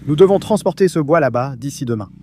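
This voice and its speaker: A man's voice: fairly high pitch, lively intonation, fast talker, dark tone, slight background noise. A man bantering casually with friends, often repeating short commands insistently.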